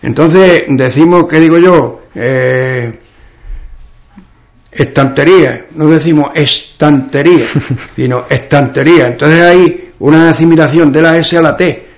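A man from Ubrique in southern Spain with a western Andalusian accent, explaining local speech in an interview and often pausing to search for examples. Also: fairly high pitch. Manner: slow and explanatory, often pauses with "¿qué digo yo?". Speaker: author and local dialect expert.

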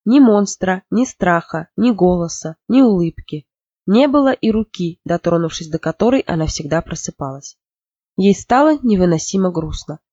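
A narrator reading a novel aloud in an expressive storytelling manner. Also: mid-range voice, dry recording. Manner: expressive storytelling, lifting for emotional moments. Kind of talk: audiobook narration. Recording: dull lo-fi, dry.

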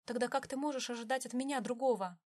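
A woman putting on a young woman's voice in a storybook reading, tearful and pleading, voice pushed higher than the narrator's own. She sounds desperate, and her tone rises sharply whenever she begs. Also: quick pace, lightly acted. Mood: resolute.

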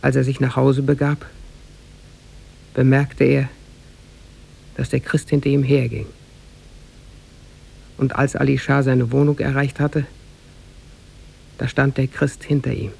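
A gravelly, husky male narrator delivers a scripted 1950s German radio tale, formal and measured. His darkish voice holds a medium pitch with little pitch movement.

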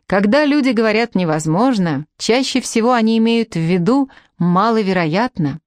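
A woman's voice: medium pitch, lively intonation, normal speed, dry recording, pitched above the performer's own voice, natural voice. A woman reading the lines of a brash, reckless male privateer captain who barks orders, in an audiobook. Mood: wry. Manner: barking orders.

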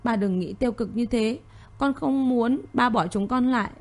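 A woman voicing a tearful, pleading young woman in an audio story, with a mellow voice and a slightly raised pitch. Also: fairly quick, natural voice.

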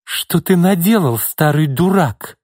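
A man's voice: animated, moderate pace, warm tone, no echo, studio quality. A man reading an audiobook, voicing a furious, scheming young woman who screams and mocks. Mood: shrieking. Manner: shrill, screaming, mocking.

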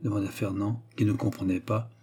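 A man narrating a novel in a measured audiobook reading. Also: lowish voice, flat delivery, warm tone, breathy edge.

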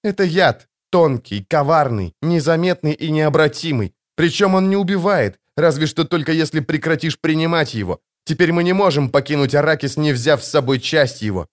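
A tormented teenage boy, as a male reader puts him on bursts out with bitterness and intensity, his voice pushed up high and loud. He sounds tense and agitated, in an audiobook reading. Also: expressive, normal speed, hardly any pauses, close to an everyday voice. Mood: cold, intense. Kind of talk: audiobook character voice.

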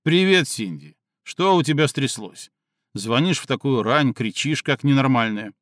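A man voicing a sleepy, irritable man in an audiobook reading, slightly hoarse and sarcastic, sometimes barking. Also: mid-range voice, expressive, a little slow, fairly bright tone, dry recording, clean studio sound.

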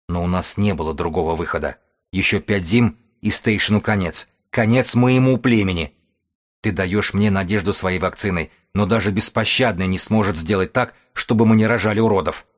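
Hoarse, desperate healer woman from a grim post-apocalyptic audiobook, read by a man: low and husky, bitter and pleading. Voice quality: hoarse, rasping.

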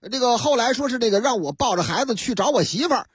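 A woman's voice: on the high side, expressive, breathy edge, no room sound, studio quality. A woman voicing a flustered young father at the wheel, pleading in a rush and stammering over his words. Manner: fast pleading rambling with stammered repeats.

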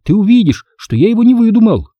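Man doing an excitable, ghost-believing little boy. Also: high-pitched, fast, dry recording, muffled recording, voice pushed up. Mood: excited.

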